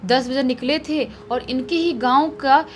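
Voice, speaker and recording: A woman retelling a spooky story in a conversational, animated way, as narrator of a horror story channel. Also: high voice, measured pace, a little hiss or hum. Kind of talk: casual spoken horror storytelling.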